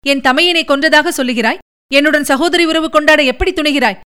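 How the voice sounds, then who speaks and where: A woman's voice: sits high, pushed and bright. A woman reading the part of a composed royal princess in an audiobook, speaking firmly and with dignity. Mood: dignified. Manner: dignified, firm, measured.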